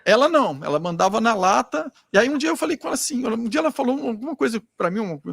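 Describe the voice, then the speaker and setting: A man's voice: very high-pitched, lively intonation, racing, creaky, a bit bright, slightly rough, no echo. A Brazilian man giving a casual spiritual talk, rambling and acting out bits of dialogue as he goes. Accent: Brazilian Portuguese. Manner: rambling, acts out quoted dialogue. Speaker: spiritual group speaker.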